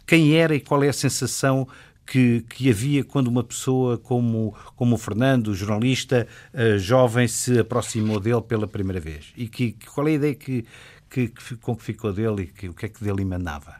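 A man's voice: mid-range voice, brisk, a little mellow. A man with a European Portuguese accent hosting a radio interview, asking his questions hesitantly with many fillers and repeated words.

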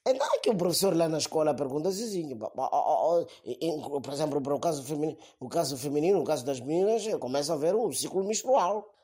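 A woman's voice: sits low, expressive, quick pace, few pauses, mellow, breathy edge. A woman telling a comic school story, hesitant and full of stammered fillers.

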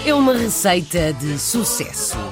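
A woman's voice: on the low side, very animated, a little slow, loud music behind the voice. A woman presenting a news magazine with scripted narration.

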